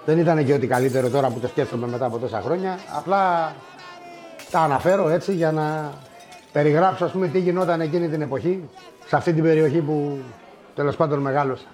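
A middle-aged man telling old stories in a wry, unhurried way, with many asides and fillers. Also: a little high, darkish tone. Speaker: storyteller. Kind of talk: spoken reminiscence.

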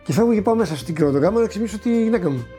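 Older man, personal anecdote, acts out the dialogue, repeats words when moved, raised pitch. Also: animated, dark tone, soft background music. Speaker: interviewee recounting a lottery win. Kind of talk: personal anecdote told to an interviewer.

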